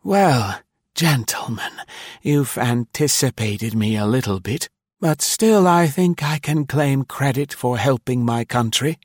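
A man reading aloud, voicing a scheming young male traitor who tries to sound calm but grows shrill. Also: slow, dry recording, studio quality. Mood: nonchalant. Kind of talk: audiobook character reading.

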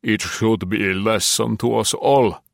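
A man voicing a fat, ruddy older Soviet general with a rasping voice, giving slow, deliberate orders in an audiobook. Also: lowish voice, steady tone, no room sound, clean studio sound. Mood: commanding. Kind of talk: audiobook character voice.

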